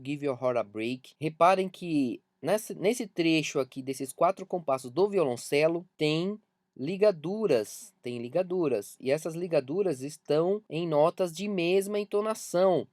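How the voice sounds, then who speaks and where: A man's voice: fairly high pitch, a little mellow, no echo, studio quality. A man with a Brazilian Portuguese accent gives an online music lesson, talking emphatically and repeating key points to drive them home. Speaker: music teacher.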